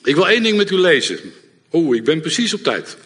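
A middle-aged man preaching a sermon to a congregation, lively and direct, often checking in with the audience. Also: a little high, brisk, husky. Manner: lively, engages audience with repeated "ja?". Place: church hall before a congregation. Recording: long hall reverb.

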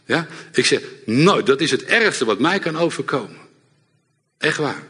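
A middle-aged man preaching a sermon to a congregation, lively and direct, often checking in with the audience. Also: a little high, a little slow, slightly rough. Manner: lively, engages audience with repeated "ja?". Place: church hall before a congregation. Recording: long hall reverb.

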